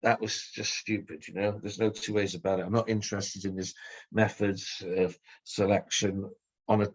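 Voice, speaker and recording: A man's voice: on the low side, flat delivery, moderate pace, slightly rough, low-quality recording. A man talking casually on a podcast, airing a grievance in a blunt, rambling way with heavy swearing.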